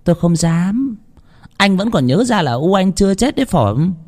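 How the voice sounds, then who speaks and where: A man's voice: big pitch swings, a little slow, vocal fry, a bit bright, full character voice. A man voicing a scheming old mother who whines and wails theatrically in a ghost story. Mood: sulky, sarcastic. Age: older. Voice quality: high, wailing, theatrical. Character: shrill scheming old mother, wailing dramatically. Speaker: voiced character in a ghost story. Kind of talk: storytelling with acted voices.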